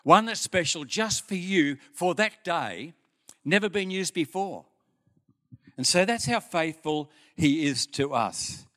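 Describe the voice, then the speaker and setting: An older Australian pastor preaching a sermon in a church, with folksy stories and an unhurried manner. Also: male voice, on the high side. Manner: folksy storytelling, lively with pauses. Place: church hall.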